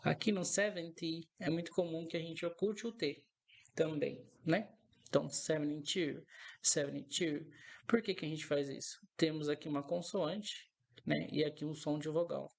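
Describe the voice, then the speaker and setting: Male teacher with a gravelly, fry-edged voice; patient, methodical delivery that repeats every example. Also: a little high, steady tone, moderate pace. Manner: patient, repeats each example several times; explains step by step, often checks in with "né?". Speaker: English teacher. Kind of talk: recorded language lesson.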